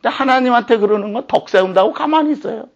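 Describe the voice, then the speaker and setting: Indignant Korean pastor, high lively voice. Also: male voice, fast, gravelly, muffled recording. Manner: indignant, impassioned. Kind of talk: sermon.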